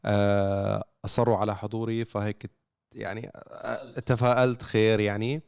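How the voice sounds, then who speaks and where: Brief: male podcast co-host, Levantine accent, smooth clear voice, dry close sound, halting casual delivery. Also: lowish voice, little pitch movement, darkish tone, dry recording. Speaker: car content creator and show co-host.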